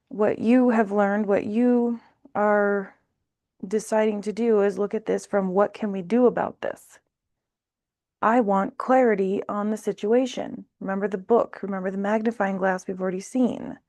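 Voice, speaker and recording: A woman talks slowly through a tarot spread, thinking aloud and speaking bluntly with open exasperation. Her voice sits at an ordinary pitch. The sound is close and dry, with no room echo. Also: a little mellow. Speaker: tarot reader. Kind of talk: casual tarot reading.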